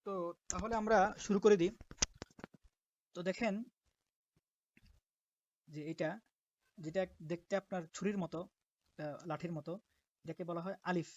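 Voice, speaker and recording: A woman teaching the Arabic letters step by step as a Quran teacher, patiently repeating each sound slowly. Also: on the low side, darkish tone. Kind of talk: step-by-step alphabet lesson. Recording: dull lo-fi dry recording.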